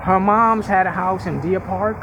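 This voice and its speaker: Street vlogger, man from Puerto Rico, high voice, lively storyteller, loud traffic noise behind. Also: moderate pace. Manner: animated storytelling, New York street talk. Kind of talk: casual street chat. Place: outdoors on city streets. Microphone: handheld camera on a gimbal.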